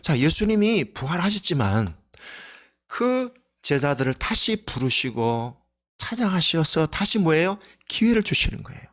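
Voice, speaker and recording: Middle-aged male pastor, sermon delivery, fairly high and very lively pitch, emphatic preaching. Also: unhurried. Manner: animated preaching, voicing Jesus in raised emphatic bursts.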